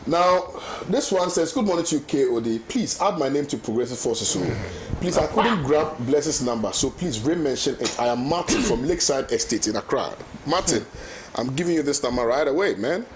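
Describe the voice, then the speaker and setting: A Ghanaian man hosting a lively morning radio talk show, emphatic and given to repeating phrases. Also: fairly high pitch, fairly quick, few pauses, a little hiss or hum. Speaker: host.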